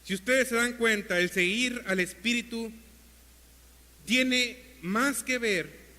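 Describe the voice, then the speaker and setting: A male pastor preaching an earnest sermon to his congregation, calling them brothers, and rising in pitch and force as he exhorts them. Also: slow, long reverb tail. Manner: builds to a louder, higher pitch when exhorting.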